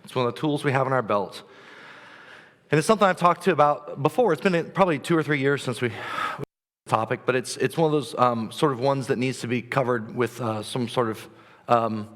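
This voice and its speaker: A man's voice: medium pitch, a little fast, a bit bright. A man preaching a sermon in a loose, chatty way, keyed up and joking, with filler words and restarts. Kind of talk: casual conversational sermon. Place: church sanctuary. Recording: long hall reverb in a church.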